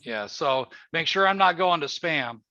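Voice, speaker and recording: A man in his seventies hosts a casual call-in chat, his voice slightly high, bright and forceful, moving at a measured pace. He talks in an expressive, folksy, rambling and emphatic way. The audio is muffled and lo-fi, with faint noise.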